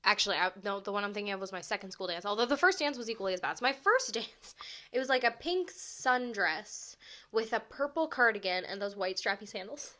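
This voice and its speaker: A woman's voice: medium pitch, animated, fairly quick, bright, forceful tone. A woman in her twenties co-hosting a podcast, chatting casually with lots of "like" and laughs. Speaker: podcast co-host. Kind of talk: casual chat.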